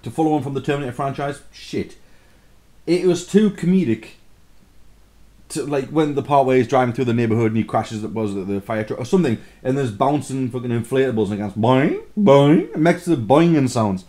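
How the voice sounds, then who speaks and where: A man's voice: mid-range voice, a little fast, warm tone. A man chatting casually and crudely as he co-hosts a film review, blunt and full of swearing. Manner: talking while drinking beer and eating pizza.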